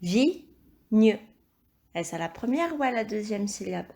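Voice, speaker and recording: A woman teaching a recorded phonics lesson to young children, speaking slowly and carefully, repeating each word and praising the answers. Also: mid-range voice, big pitch swings. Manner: slow, careful, encouraging, spells out sounds and syllables. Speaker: primary school teacher.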